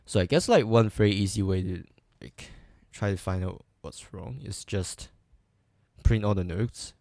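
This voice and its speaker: A man's voice: fairly low pitch, unhurried, gravelly, darkish tone, dry recording, studio quality. A man live coding and thinking aloud, hesitant and full of ums and restarts, making light fun of his own mistakes. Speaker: coding streamer.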